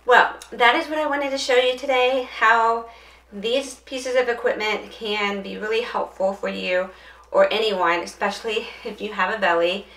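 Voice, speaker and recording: A woman's voice: fairly high pitch, fairly even intonation, moderate pace, fairly bright tone. A woman giving a casual how-to demonstration of dressing aids, chatting and thinking aloud as she goes. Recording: roomy echo, distant mic, faint noise.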